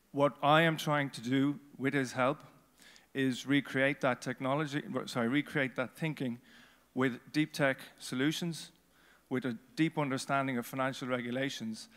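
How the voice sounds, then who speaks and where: A middle-aged man giving a halting, unscripted pitch as an entrepreneur. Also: a bit bright. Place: large conference stage, indoors. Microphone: handheld microphone. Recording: reverberant conference hall.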